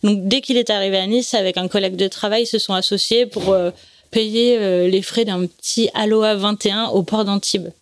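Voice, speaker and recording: A woman in her forties from France talks through her plans and memories in an easy, conversational interview manner. The recording is close and dry, with no room sound, and her pitch sits in an ordinary middle range. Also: brisk, no echo. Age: 40s. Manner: explains at length in a relaxed, conversational way. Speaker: guest, offshore sailor.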